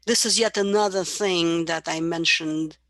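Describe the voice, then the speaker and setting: Gravelly-voiced woman lecturing on psychology. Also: lowish voice, fairly even intonation, a little slow, fairly bright tone, no echo. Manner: explanatory, imitates baby babbling sounds. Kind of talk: university lecture.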